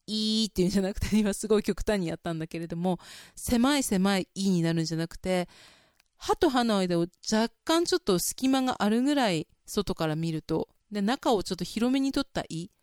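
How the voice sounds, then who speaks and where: A woman's voice: mid-range voice, darkish tone, no room sound, clean studio sound. A woman hosting a casual spoken vocal lesson, explaining chattily and breaking into sung vowel demonstrations. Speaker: vocal coach and podcast host.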